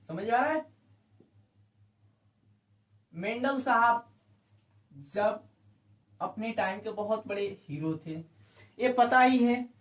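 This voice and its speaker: A male biology teacher giving an exam-prep lecture, who keeps asking rhetorical questions, repeats key terms and checks that students follow. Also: sits high. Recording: echoey room, speaker far from the mic.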